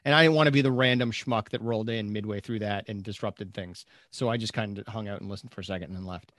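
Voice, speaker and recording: A man's voice: fairly low pitch, quick pace, a bit bright, dry recording, studio quality. A man in casual conversation, thoughtful and hedging, with a self-deprecating manner.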